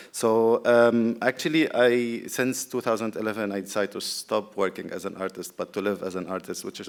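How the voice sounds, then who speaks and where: Low-voiced Syrian-born man presenting. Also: creaky. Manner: relaxed, thinking aloud with frequent fillers. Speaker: artist giving a talk. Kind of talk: presentation talk. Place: public talk venue.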